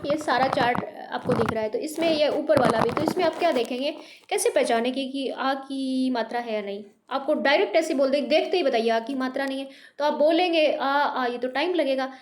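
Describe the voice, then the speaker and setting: High-voiced woman teaching syllables patiently. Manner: patient, repeats syllables slowly and checks in with "है ना"; mixes English words into Hindi. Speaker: Hindi teacher. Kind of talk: online Hindi lesson for beginners. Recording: noisy recording with clicks.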